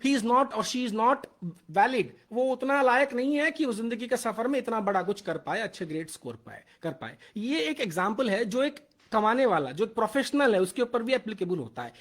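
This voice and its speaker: A man's voice: extremely high pitch, lively intonation, moderate pace, a bit bright. A man speaking earnestly on a live motivational stream, mixing Hindi with Indian-accented English and repeating his points. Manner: earnest, repetitive, switching between Hindi and English.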